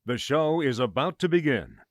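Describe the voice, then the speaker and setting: A man making a formal, measured pre-show announcement, played from a distance. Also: medium pitch, sing-song, no room sound, clean studio sound.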